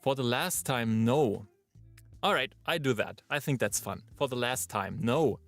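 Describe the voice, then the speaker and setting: A male voice actor, chatting and thinking out loud during a live-streamed recording session in his booth. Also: medium pitch, a little slow, faint music behind. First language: German. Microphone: booth microphone.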